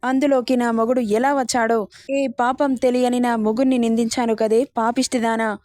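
A woman's voice: on the high side, flat delivery, normal speed, a little mellow, no echo, studio quality, close to an everyday voice. A woman voicing an outraged young wife who scolds and accuses fiercely. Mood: furious.

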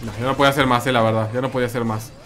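A man's voice: mid-range voice, level tone, racing, music in the background. A man with a Mexican accent commenting live on his gameplay, chatting with viewers and repeating his phrases. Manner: chatty, repeats phrases, reads and answers chat. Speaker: streamer.

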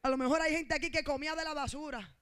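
A woman pastor with a Puerto Rican accent, preaching an impassioned sermon that swings between shouting and soft asides. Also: sits high, steady tone, fast. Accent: Puerto Rican Spanish. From Puerto Rico.

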